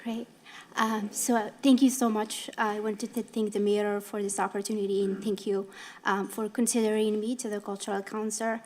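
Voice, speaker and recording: A young woman from Morocco giving a hesitant statement at a council meeting, with many pauses and restarts. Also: mid-range voice, level tone, a little mellow. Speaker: appointee to cultural council.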